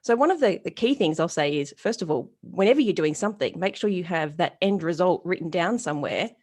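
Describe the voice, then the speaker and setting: A woman in her forties with a fairly low voice speaks a little fast while answering interview questions as a retail strategist. Her storytelling is lively and blunt, casual in tone, and she voices the people she quotes.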